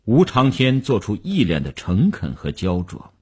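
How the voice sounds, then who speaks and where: A man reads a radio story aloud as its storyteller. His voice is very deep and husky, and his delivery is slow and steady. His pitch moves in wide, expressive arcs. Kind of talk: scripted radio story narration.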